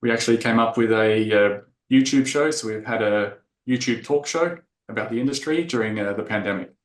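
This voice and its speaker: A man's voice: lowish voice, brisk. A man from Australia giving a technical conference presentation, explaining with frequent fillers. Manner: explanatory, filler-heavy delivery. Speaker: tech talk presenter. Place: conference room. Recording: echoey conference room.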